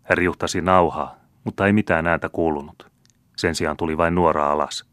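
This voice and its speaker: A man reading an audiobook in measured, even storytelling narration. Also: low voice, dry recording, studio quality. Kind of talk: scripted narration.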